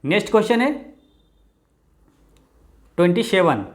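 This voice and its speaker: A man with a Bihari Hindi accent teaching exam-prep quiz answers, often dropping low and quiet for "keep this in mind". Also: sing-song, a little slow. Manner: repeats "ye dhyan rakhna hai" with a low, quiet drop.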